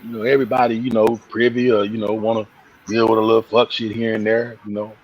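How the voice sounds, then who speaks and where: A man with a fairly low, husky voice joins a casual live stream chat. He talks in halting bursts, restarting his sentences and swearing freely. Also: flat delivery, highs cut off. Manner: halting, profane, many restarts.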